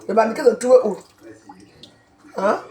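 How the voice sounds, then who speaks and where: A woman's voice: on the high side, a little slow, warm tone, slight background noise. A woman from Cameroon, ranting on a live video and confronting people by name, repeating herself as she goes. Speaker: social media commentator. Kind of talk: heated live-video rant. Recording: roomy echo.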